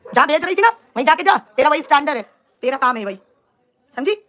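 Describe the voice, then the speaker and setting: Woman, young adult, live-stream rant, combative, high pitched, sharp bright tone. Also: lively intonation, fast. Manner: scolding, taunting, combative.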